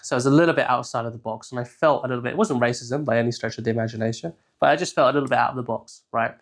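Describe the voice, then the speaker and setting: A man's voice: mid-range voice, very fast. Conversational young man. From England. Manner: conversational, keeps checking in with "right?". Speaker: life coach. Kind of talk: casual solo teaching talk.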